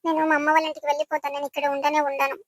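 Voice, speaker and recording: A woman's voice: high voice, flat delivery, racing, no echo, close to an everyday voice. A woman voicing a hurt, sulking young wife in a village comedy skit, complaining about her husband. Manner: complaining, aggrieved.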